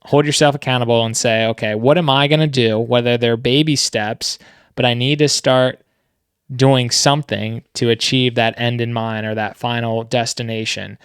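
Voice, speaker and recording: Podcast guy, smooth clear voice, earnest pep talk, dry mic. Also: medium pitch, fairly even intonation, moderate pace, dry recording. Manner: earnest, motivational. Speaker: podcast co-host. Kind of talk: casual podcast chat.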